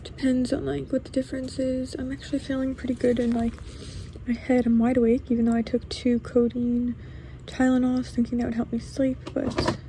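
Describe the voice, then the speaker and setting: A woman's voice: high-pitched, little pitch movement, brisk, noisy background. A young adult woman giving a casual vlog update, talking with a sore jaw that does not open fully. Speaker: vlogger. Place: bedroom at home.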